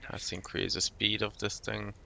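A man's voice: fairly low pitch, completely flat delivery, moderate pace, vocal fry, a crowd in the background. A man giving casual gameplay commentary, muttering to himself as he makes up his mind.

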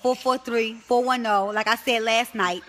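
A woman's voice: fairly high pitch, steady tone, normal speed, a bit bright. Teasing Baltimore woman livestreaming from bed. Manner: teasing, profane, addresses viewers. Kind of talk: casual livestream chat. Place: bedroom, in bed.

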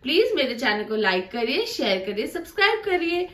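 A bright, lively young woman talks viewers through a home recipe step by step, friendly and chatty. Her fairly high voice rings in an echoey kitchen. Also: moderate pace. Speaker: cooking channel host. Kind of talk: home cooking tutorial.

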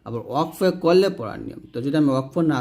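A man's voice: medium pitch, expressive, a little mellow. Man explaining Quran reading rules. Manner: explains step by step, slowly drawing out example recitations; addresses viewers directly, pointing at the page. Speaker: Quran recitation teacher. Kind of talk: tajweed lesson, explaining rules.

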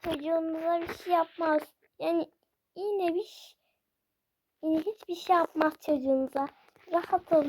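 A girl voicing a calm female doctor who coaxes a scared child before a shot, in a game role-play. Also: extremely high pitch, moderate pace. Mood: coaxing. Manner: coaxing, reassuring. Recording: noisy home recording.

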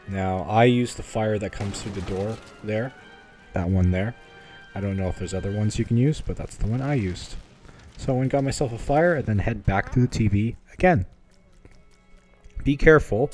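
With a low, somewhat dark voice, this guide host walks through a video game informally, sounding a bit unsure at times but keeping it chatty.

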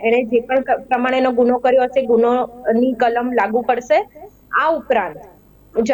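High-voiced woman explaining law. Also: darkish tone, rough recording. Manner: measured, explanatory, with hesitation fillers. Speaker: legal expert guest. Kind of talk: explanatory studio discussion.

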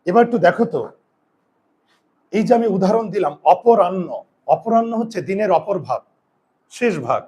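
Guy teacher going over a spelling rule again and again, quizzing the class and answering himself, fairly high voice. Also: a little mellow. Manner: repeats rules, asks and answers own questions. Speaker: Bengali grammar teacher. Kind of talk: spelling lesson to students.

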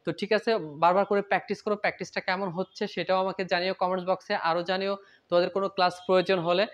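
A man's voice: high voice, little pitch movement, racing, a bit bright. A man teaching an exam-prep lesson, reading pairs of words one by one and checking in with his students. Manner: reads word pairs one by one, coaxing students with "ঠিক আছে?". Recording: slightly dull lo-fi audio.

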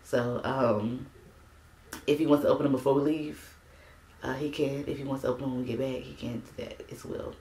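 A young woman vlogging casually to camera as a parenting vlogger, chatty and loose with plenty of "like" and "um", her voice still a little rough from the morning. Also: extremely low pitch, steady tone, a little fast, warm tone. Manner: chatty, loose, full of "like" and "um" fillers. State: a bit of morning voice. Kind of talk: casual vlog chat to camera. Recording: echoey room, faint background noise.

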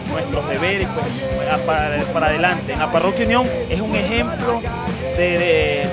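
A man in his thirties, a sports organizer, interviewed at an outdoor march, halting with many fillers. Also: high-pitched. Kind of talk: street interview. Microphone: handheld reporter mic. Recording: music loud behind.

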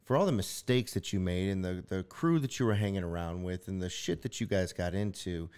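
Low-voiced man hosting a relaxed chat. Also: a little fast, smooth. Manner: reflective, loose, lots of "like". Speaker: podcast host. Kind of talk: casual chat. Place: podcast studio.

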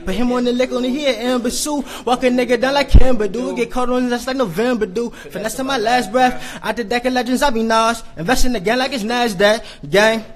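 A young man rapping a steady, punchy verse into a studio mic in a home kitchen. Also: very high voice, brisk, few pauses. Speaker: rapper. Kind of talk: rap verse. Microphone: studio mic on a stand.

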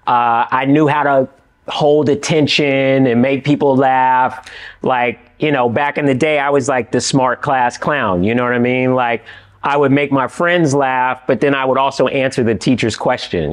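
A middle-aged man from California, an actor and writer talking as a guest in a casual studio interview, animated and full of "you know what I mean". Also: medium pitch. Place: indoor studio with dark backdrop.

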